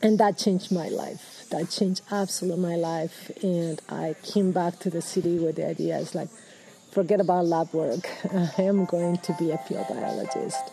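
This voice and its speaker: A Peruvian woman in her fifties, an ecologist, speaking in a thoughtful, halting way with restarts and fillers, recorded outdoors in a rainforest. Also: fairly low pitch, steady tone, creaky, dark tone, soft background music, rough recording. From Peru. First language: Spanish. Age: 50s. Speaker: ecologist guest. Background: birds, people, general activity.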